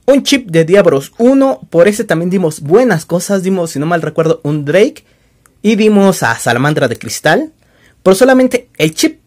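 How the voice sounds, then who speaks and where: A man with a Mexican accent chats casually to his viewers, showing things off in a show-and-tell vlog. His pitch swings widely as he jokes and pokes fun at himself. He sounds relaxed and talkative. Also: normal speed. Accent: Mexican Spanish. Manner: chatty, joking, self-deprecating. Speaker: toy-collecting channel host.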